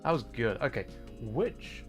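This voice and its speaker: Very animated but unhurried, a medium-pitched male voice comes through with music in the background. He's a VTuber hosting a livestream, playing a racing game and chatting casually, reacting and thinking aloud in short bursts.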